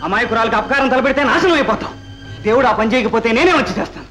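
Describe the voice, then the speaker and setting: An upright young hero, high and expressive. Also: male voice, very fast. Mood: indignant. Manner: subdued and soft-spoken, flaring into indignant outbursts. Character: upright young man, quiet but fiercely principled. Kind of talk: 1960s film acting. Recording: old film soundtrack with faint music.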